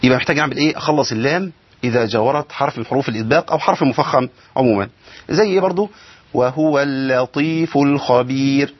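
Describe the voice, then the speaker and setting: This tajweed lesson features a man speaking quickly with an Egyptian accent, explaining the rules of recitation by raising questions and answering them. His voice is mid-pitched, a bit husky and lively in intonation, in a dry, somewhat dull lo-fi recording.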